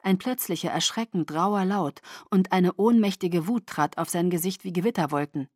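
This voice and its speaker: Woman reading a novel out loud, steady and calm, dead dry sound. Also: fairly low pitch, moderate pace, dry recording. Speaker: audiobook narrator. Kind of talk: scripted narration.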